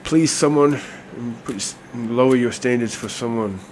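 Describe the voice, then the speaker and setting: A man's voice: mid-range voice, normal speed, a little hiss or hum. A man giving a casual, chatty tarot reading, his voice nasal and congested from a cold. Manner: relaxed, chatty, many fillers. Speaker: tarot reader.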